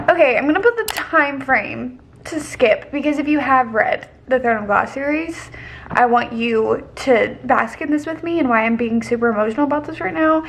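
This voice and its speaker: A woman's voice: sits high, normal speed. Chatty young woman gushing about books. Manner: chatty and gushing, unsure of fantasy names. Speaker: book vlogger. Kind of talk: casual chat.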